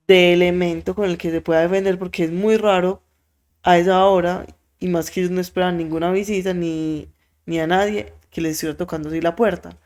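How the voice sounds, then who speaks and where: Podcast host, lively storyteller who voices the characters. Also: mid-range voice. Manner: animated, acts out quoted voices; frequent filler words.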